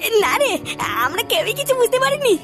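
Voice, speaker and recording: This is a very high, fast little cartoon boy, voiced by a woman, anxious and close to tears. He halts and stumbles over his words. Music plays underneath him. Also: big pitch swings. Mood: worried. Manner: fearful, tearful and halting. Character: anxious young boy, scared for his father. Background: background music.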